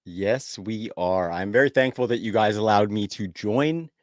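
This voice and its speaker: A man's voice: lowish voice, moderate pace, no echo, clean studio sound. A young Canadian man in his late twenties or early thirties, hosting a casual sports podcast in an upbeat, chatty way and laughing easily. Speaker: podcast host.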